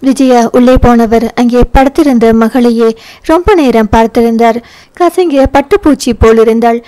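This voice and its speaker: A woman reading a romance audio novel aloud in a measured, even storytelling manner. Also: a little high, poor audio. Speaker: audiobook narrator. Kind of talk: scripted novel narration.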